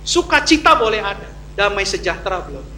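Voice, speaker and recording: Middle-aged male pastor, bright high voice, sermon in an echoey church hall, playful, punchy. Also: fairly quick, slight background noise. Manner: lively and joking, swinging from loud emphasis to low asides.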